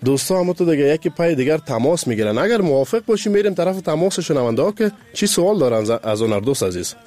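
A man hosting a call-in radio show, greeting callers with warm, effusive words. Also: a little high, big pitch swings, soft background music.

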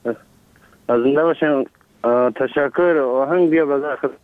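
Aggrieved male caller on a phone line. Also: mid-range voice. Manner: aggrieved, repeated blessings. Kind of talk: phone-in call.

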